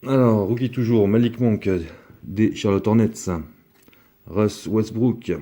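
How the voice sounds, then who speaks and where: A man's voice: fairly low pitch, steady tone, takes it slowly, dark tone. A man giving casual, rambling commentary as he opens a box of trading cards, talking with many fillers. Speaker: card collector opening a box.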